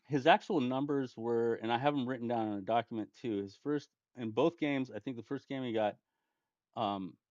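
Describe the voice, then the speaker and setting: Chuckling and frequently starting over, a man who hosts a gaming channel meanders through a story about a game. His voice is medium in pitch with a darkish tone, recorded dry and lo-fi on a dull home mic without any room sound.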